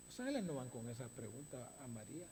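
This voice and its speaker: A man preaching a sermon as pastor, stressing words with long dramatic pauses, recorded in a church sanctuary. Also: medium pitch, warm tone. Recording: reverberant hall, faint hum.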